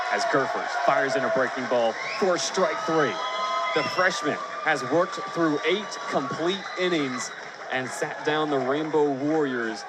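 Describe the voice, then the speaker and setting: A very noisy clip of a medium-pitched man doing live radio play-by-play for baseball and volleyball. He's fluent and descriptive, and his voice rises when a big play happens.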